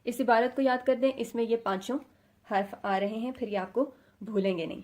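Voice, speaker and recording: A woman's voice: on the high side, steady tone, darkish tone. A woman teaching a Quran reading lesson, explaining patiently step by step and sounding out letters, with English words mixed into her Urdu. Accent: Pakistani Urdu. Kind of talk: explanatory lesson, addressing students.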